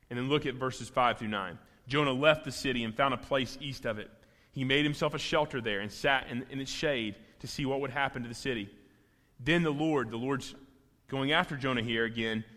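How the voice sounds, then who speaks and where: A man's voice: mid-range voice, pushed and bright. A man giving an earnest sermon, sometimes acting out biblical figures, with small restarts as he goes. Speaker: pastor. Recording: long reverb of a large hall.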